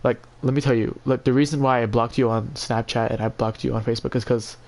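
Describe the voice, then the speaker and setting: A man venting casually on a livestream in an emotionally drained, halting, repetitive and profane way. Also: medium pitch, steady tone, creaky, darkish tone. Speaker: live streamer.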